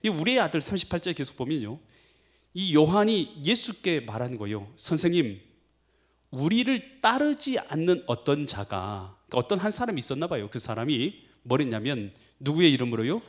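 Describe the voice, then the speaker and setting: A male pastor preaches with a voice pitched a little high that leaps up and drops low from phrase to phrase. He keeps asking the congregation questions and answers them himself. His delivery is lively and in the moment. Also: fast. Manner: animated, quizzes the congregation with questions. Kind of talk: sermon.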